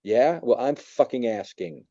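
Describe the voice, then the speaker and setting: A man in his seventies from New York, telling a personal faith testimony in a reflective, halting way with many pauses. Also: mid-range voice, expressive, warm tone, no echo, muffled recording. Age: 70s. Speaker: church member giving testimony.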